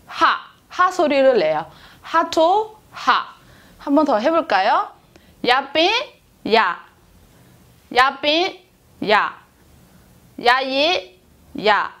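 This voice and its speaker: A woman teaching a language lesson, repeating each syllable slowly for drilling. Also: high-pitched.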